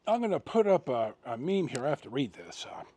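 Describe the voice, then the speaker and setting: This middle-aged vlogger has a warm, sing-song, mid-range voice, recorded without echo. He tells his viewers a personal story casually, rambling and halting, with dramatic pauses and emphasis.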